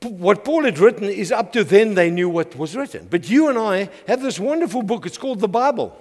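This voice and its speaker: A middle-aged man with a South African accent, preaching a lively call-and-response sermon to his church. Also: sits high, a little fast. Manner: energetic, call-and-response, frequent "Amen". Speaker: pastor. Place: church hall. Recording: long hall reverb.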